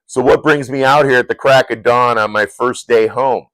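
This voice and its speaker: A man voicing a gruff, hot-tempered male swamp hero, reading him out loud and raised. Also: medium pitch, steady tone, normal speed, no room sound, natural voice. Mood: irritated.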